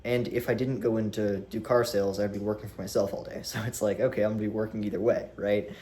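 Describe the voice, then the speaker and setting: A young man around twenty vlogging to a camera on a tripod, animated and rambling, with swearing and restarts. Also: lowish voice, fast, a little hiss or hum. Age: young adult. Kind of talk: casual talk to camera.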